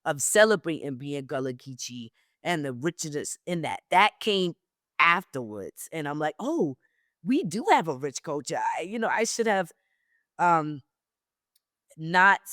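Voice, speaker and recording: A woman's voice: low-pitched, lively intonation, unhurried, fairly bright tone, dry recording, clean studio sound. Reflective woman from South Carolina. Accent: General American, slight South Carolina Lowcountry. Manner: candid, reflective storytelling. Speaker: guest, travel company founder. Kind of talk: casual interview conversation.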